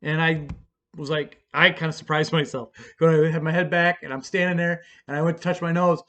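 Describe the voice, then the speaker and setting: Bright-voiced man telling a rambling story. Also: on the high side, brisk. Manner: profane, rambling, self-mocking; fillers and restarts, bursts of excited shouting. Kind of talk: casual storytelling vlog.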